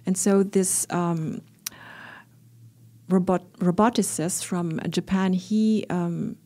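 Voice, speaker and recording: A woman professor appears as a podcast guest. Her voice is slightly low, and she explains ideas in a careful, academic way, often stopping to search for words. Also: steady tone, mellow. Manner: thoughtful, academic, pauses with fillers. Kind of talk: academic conversation.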